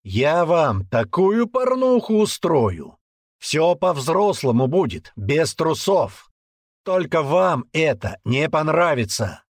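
Man doing a gruff old army officer, barking, taunting, raised pitch, animated. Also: measured pace, no room sound, studio quality. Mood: menacing. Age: older. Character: gruff old male warrant officer, brutal and mocking.

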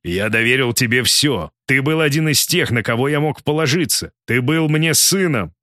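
A man's voice: mid-range voice, animated, normal speed, sharp tone, dry recording, studio quality. A man voicing an old, wounded male president in an audiobook, weary and pained.

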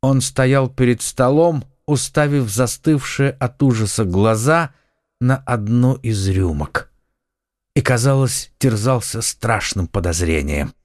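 A man narrates an audiobook in a measured, dramatic voice. His pitch sits in a middle range. The recording is dry and close. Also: a little mellow, no room sound. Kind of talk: scripted narration.

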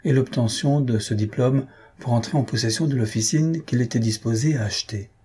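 A male narrator reads a classic novel aloud with a very husky, raspy grain. His dark, mellow tone and measured telling carry the story at an even pace. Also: mid-range voice. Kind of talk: audiobook reading of a classic novel.

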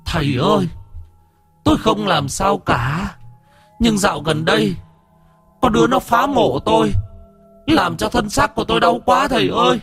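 A wailing old ghost, breathy and high. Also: male voice, normal speed, long pauses, a bit bright, faint music behind, heavily acted. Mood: pained wailing. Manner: wailing, moaning in pain. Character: tormented ghost of an old man in pain.

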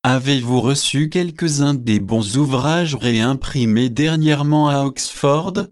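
A man reading the part of a prim, fussy young newly married gentleman in an audiobook, speaking in a doting, proper way. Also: medium pitch, unhurried, natural voice.

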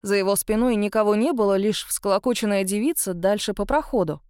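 A woman reads a first-person novel in a steady, expressive voice. Her pitch sits in an ordinary middle range. The recording is close and dry with no room around it. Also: fairly quick, smooth, dry recording. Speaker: audiobook narrator. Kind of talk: first-person audiobook narration.

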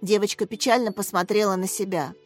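A woman reading a children's story aloud in an expressive audiobook style, raising and brightening her voice for the characters' lines. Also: medium pitch, brisk, soft background music. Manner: gives each character a slightly raised, lively voice. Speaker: audiobook narrator.

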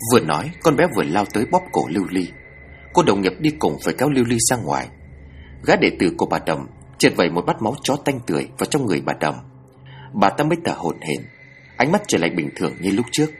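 A man narrating a horror story with expressive, dramatic delivery. His voice sits low but moves in lively swings of pitch. There is a faint hiss behind him. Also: fast talker.

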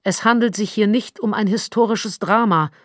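A woman's voice: medium pitch, normal speed, dry recording, clean studio sound, natural voice. Precocious, unruffled storybook boy, read by a woman, lecturing tone. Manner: know-it-all, lecturing. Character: precocious, calm young boy, bookish.

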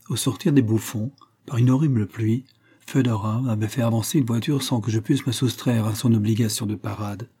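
A man reading a classic novel aloud as an audiobook, in a measured first-person storytelling voice. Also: medium pitch, warm tone, breathy edge. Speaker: audiobook narrator.

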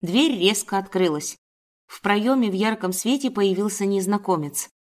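A woman reading a first-person story aloud in steady storybook narration. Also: medium pitch, moderate pace.

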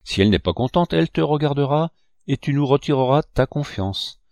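A man reading the lines of a kindly, grave painter who is an uncle, in a gentle, fatherly manner. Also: medium pitch, animated, brisk, vocal fry, no echo, studio quality, pitched above the performer's own voice.

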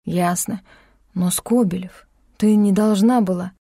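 A man's voice: sits high, steady tone, a little slow, vocal fry, warm tone, no echo, clean studio sound, exaggerated voice. A woman narrator voicing an anxious male doctor in an audiobook, pleading and insistent with a young woman.

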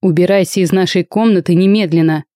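A woman's voice: on the low side, fairly even intonation, fairly quick, dark tone, dry recording, studio quality, natural voice. A woman voicing a curt, hot-tempered young male dragon student. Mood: angry. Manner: curt and challenging.

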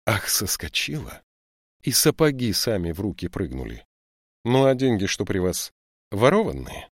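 A severe, stocky woman lieutenant lectures in a raised, scolding voice, as a male audiobook narrator puts her on. Her voice is lifted well above his own low tone and swings widely with rebuke. The room is dry and close. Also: very animated, normal speed, no echo. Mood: lecturing. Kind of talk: audiobook character voice.

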